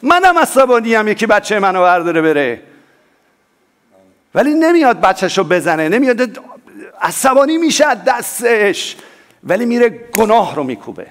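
A man preaching a sermon as pastor, swinging between loud emphatic lines and soft low asides, and calling on the congregation to respond. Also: big pitch swings.

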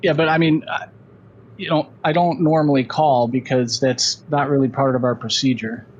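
A delivery driver, a man, talking calmly and a little apologetically over a phone call from his car on speakerphone. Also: mid-range voice, moderate pace, slight background noise. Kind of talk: phone conversation.

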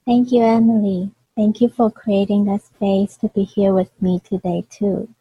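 A woman, a podcast guest speaking hesitantly with pauses and fillers. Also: mid-range voice, flat delivery, slightly rough, dry recording, highs cut off. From Hong Kong. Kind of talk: casual interview talk.

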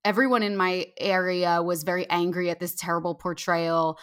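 An American woman from New Jersey with a loud Valley Girl voice, chatting and telling anecdotes as a podcast guest. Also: lowish voice, fairly even intonation, normal speed, clear, resonant tone. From New Jersey, United States. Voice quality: loud, carrying voice. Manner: chatty Valley Girl delivery, emphatic, with many "like"s. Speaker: podcast guest, writer and comedian. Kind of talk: casual chat, telling anecdotes.

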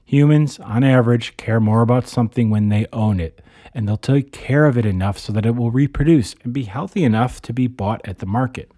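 A man's voice: mid-range voice, brisk, dark tone, no echo, clean studio sound. A man hosting and narrating a scripted explainer in a nature-documentary manner, with conversational, wry asides. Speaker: host, narrator.

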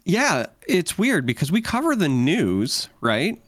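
A man co-hosting a podcast about a card game, talking in a relaxed, casual way. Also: a little high, slow pace, no room sound, studio quality. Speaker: podcast co-host. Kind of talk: casual chat.

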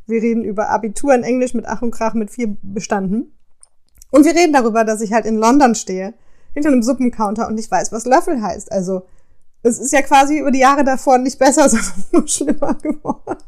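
A woman hosts her own podcast and tells personal stories in a relaxed, chatty way. Her voice sits somewhat high, and she talks expressively, often turning to address her listeners directly. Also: a little fast. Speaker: podcast host. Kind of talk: casual personal storytelling.

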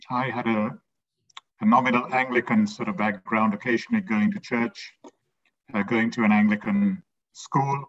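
Sri lankan guy answering questions, low voice, lots of ums, dull lo-fi sound. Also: fairly bright tone. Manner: hesitant, many fillers. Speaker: guest author. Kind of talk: interview answers.

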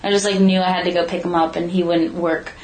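A woman's voice: fairly low pitch, flat delivery, fast, a little mellow. Rambling young woman in a roomy space. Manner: rambling, swears freely, lots of "like". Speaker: friend in conversation. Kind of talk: casual chat. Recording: roomy with faint background noise.

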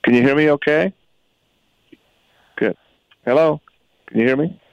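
A man's voice: on the high side, unhurried, creaky, clear, resonant tone, no echo. Man on a choppy, breaking-up call line. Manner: emphatic, poses rhetorical questions to listeners. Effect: remote call connection breaking up. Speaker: co-host of a radio talk show. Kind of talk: call-in radio talk. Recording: dull lo-fi remote line.

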